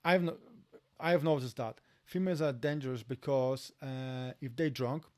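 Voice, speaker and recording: A middle-aged Polish man who works door security appears as a podcast guest, speaking English as a second language with a Polish accent. His mid-range, darkish voice chats casually but haltingly, repeating words and using many fillers.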